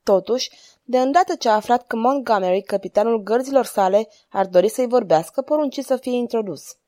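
A woman reading a historical novel aloud as an audiobook narrator, calm and even. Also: on the high side, no room sound, studio quality.

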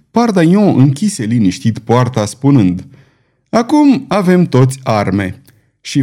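A male narrator delivers an audiobook in a theatrical, storytelling manner. His pitch swings widely and lively through each sentence. The tone stays warm and mellow. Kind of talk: dramatic audiobook reading.

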